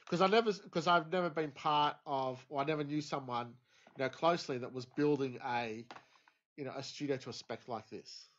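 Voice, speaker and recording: Nasal man, podcast guest, rambling casual talk, mid pitch, muffled lo-fi sound. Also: normal speed, fairly bright tone. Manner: rambling, frequent "you know" fillers. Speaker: podcast guest, music teacher. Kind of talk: casual chat. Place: home podcast studio. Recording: dull lo-fi studio recording.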